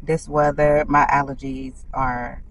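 A woman in her thirties vlogs casually to her viewers like a girlfriend, calling them "girl," partly from a parked car on a phone held at arm's length. Her voice is extremely low and fairly flat, and she speaks slowly. The low-quality recording has a little hiss or hum.

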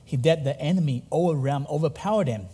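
Fast and a little high, with a mellow, breathy quality, a Taiwanese man preaches a sermon earnestly while gesturing. He stands on a dark-curtained church stage, and the big hall echoes with long reverb.

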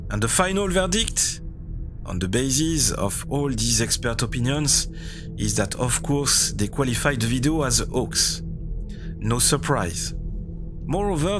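A man with a French accent, a native French speaker, delivering critical, sardonic scripted commentary as the host of a video channel. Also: medium pitch. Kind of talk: scripted commentary rebutting a TV show. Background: background music.

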